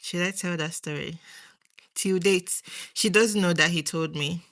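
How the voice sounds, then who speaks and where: A young woman with a Nigerian accent hosts a livestream, chatting casually with viewers in a lowish, fairly bright voice at a measured pace. She rambles and lets her thoughts trail off.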